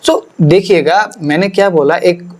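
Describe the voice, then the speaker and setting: A man's voice: sits high, a little slow, a little mellow. A man, a pastor, explaining his teaching earnestly in a podcast, slipping English phrases into his talk and repeating words for emphasis.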